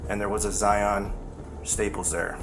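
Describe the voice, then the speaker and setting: A man's voice: lowish voice, little pitch movement, measured pace, noisy background. A male police officer questioning someone firmly and explaining things, recorded on body cam audio. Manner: firm, explanatory.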